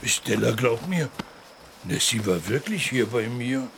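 A man's voice: medium pitch, expressive, a little slow, vocal fry, a bit bright, a little hiss or hum. A man playing a kind, naive elephant in a children's audio drama, earnest and hesitant.

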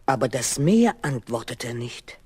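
A man telling a children's fairy tale, slow and unhurried. His voice rises and falls widely as he paints each scene. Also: medium pitch, big pitch swings, darkish tone, breathy edge. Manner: lebhaft betonend, malerisch erzählend. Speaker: Erzähler. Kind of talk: Märchenerzählung für Kinder.

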